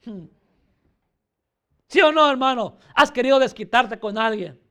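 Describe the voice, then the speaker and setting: A man's voice: extremely high pitch, a little fast, sharp tone, clear, resonant tone. A male pastor preaching a fervent sermon, repeatedly calling his listeners brother.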